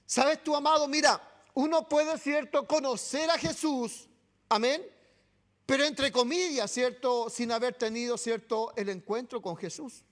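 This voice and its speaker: Chilean male pastor, very high voice, sermon, keeps checking in with the congregation. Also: a little slow, a bit bright. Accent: Chilean Spanish. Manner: keeps adding "¿cierto?" and "amado" to address the congregation. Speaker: preacher. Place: church.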